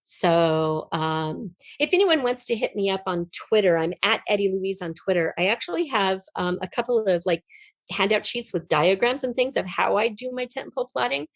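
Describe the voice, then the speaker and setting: A woman with a medium-pitched, expressive voice speaks at a moderate pace with no room sound. As a writer being interviewed, she explains her own method in an animated, conversational, storytelling way, voicing her questions and thoughts aloud.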